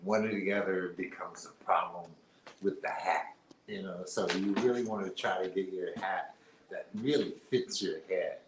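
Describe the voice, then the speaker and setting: A man with a very deep voice talks through a casual live stream, circling back on himself with fillers and restarts. His voice rings in a roomy, echoey space over a faint hiss. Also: steady tone, moderate pace. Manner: rambling, many fillers and restarts. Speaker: co-host. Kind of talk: casual livestream chat.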